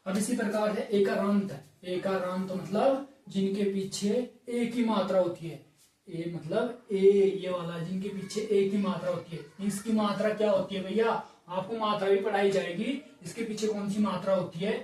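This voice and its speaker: A man's voice: high voice, darkish tone. A male teacher giving a grammar lesson, explaining step by step and often asking the class questions. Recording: echoey room, mic at a distance.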